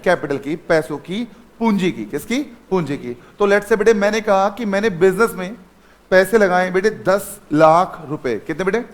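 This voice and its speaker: A man's voice: high voice, animated, moderate pace. A man teaching accounting in a class lecture, often asking questions and repeating the answers himself. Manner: calls students son, asks and repeats answers.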